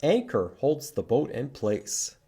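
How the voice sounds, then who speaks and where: A warm, medium-pitched male voice reads slowly and sing-song to children at a library storytime, teaching letters in short, simple phrases. There's a little hiss or hum in the recording.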